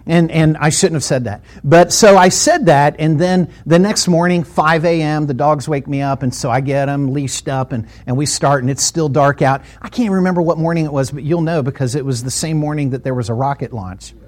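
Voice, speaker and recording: A pastor telling a rambling, animated story from the pulpit, acting out his own shouts. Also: fairly high pitch, brisk, few pauses. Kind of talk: sermon storytelling.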